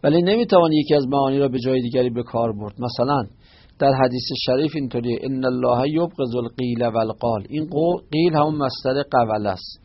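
A man with a gravelly, husky voice teaches a religious lesson in a patient, explanatory way. He quotes short Arabic phrases and then glosses each one, often breaking off mid-word to correct himself. The recording sounds dull and lo-fi. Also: medium pitch. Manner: restarts and self-corrections.

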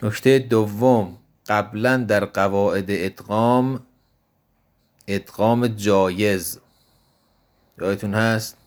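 A male teacher giving a grammar lesson in a slow, measured way, reciting verb forms one by one. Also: on the low side.

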